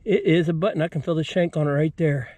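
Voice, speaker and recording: A man with a high voice and an American accent narrates casually to his viewers outdoors. His manner is folksy, and he explains each step as he goes, like a hobbyist host showing finds. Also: fast, darkish tone, no echo. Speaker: metal detecting video host. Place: outdoors at an old homesite.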